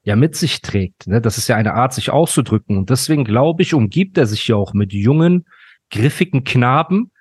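A man's voice: medium pitch, expressive, moderate pace, a little mellow, breathy edge, no echo. A man hosting a podcast, ranting in a mock-serious, ironic tone in casual chat. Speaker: podcast host.

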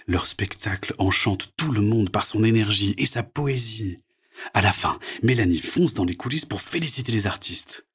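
Breathy-voiced man reading a storybook. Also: lowish voice, moderate pace. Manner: expressive, soft storytelling. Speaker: narrator. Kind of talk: storybook read-aloud.

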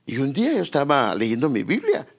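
A man's voice: medium pitch, huge pitch swings, fairly quick, gravelly, slightly rough. A man preaching a sermon, quoting scripture and calling his listeners brother.

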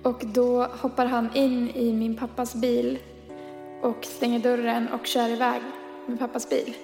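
This twenty-something podcast co-host casually recounts something that happened to her, using lots of fillers and playing out the dialogue. Her pitch is fairly high with little movement, and she's heard over music.

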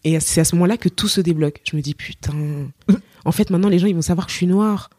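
A woman's voice: on the low side, fast talker, dark tone, no room sound, studio quality. A woman from Cameroon, a singer, telling her story in a casual interview and acting out the voices she quotes. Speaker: singer, podcast guest.

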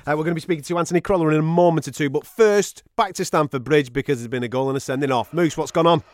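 A man's voice: a little high, racing, darkish tone. A man hosting a live sports talk radio show, chatty and matey in his delivery.

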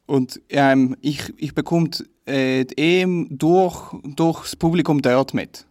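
Young Swiss German man, slightly high voice, dry self-deprecating chat. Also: steady tone, slow pace, darkish tone, no echo. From Switzerland. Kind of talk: casual chat.

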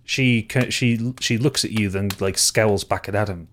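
Low-voiced man narrating as game master. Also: moderate pace, fairly bright tone, slight background noise. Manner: loose, filler-heavy narration with restarts.

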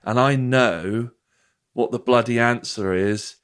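A man's voice: medium pitch, slow, a bit bright, clean tone. A British man talking casually and conversationally as a podcast host.

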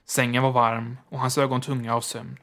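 A man narrating a horror story in a measured, hushed manner. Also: medium pitch, little pitch movement.

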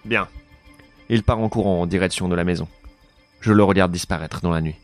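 Deep-voiced man narrating a drama. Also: fast talker, soft background music. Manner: dramatic, earnest storytelling. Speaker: narrator and lead actor. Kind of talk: scripted first-person audio drama narration.

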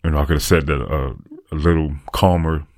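A man's voice: very deep voice, steady tone, brisk, a little mellow, no echo, studio quality. A man talking through a reflective, earnest podcast monologue, repeating phrases for emphasis. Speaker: podcaster and aspiring motivational speaker.

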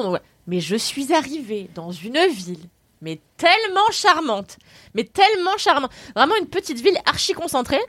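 A young woman telling a travel story on a podcast, animated and slangy, laughing often. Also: sits high, no room sound. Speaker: podcast co-host. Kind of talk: casual chat, storytelling.

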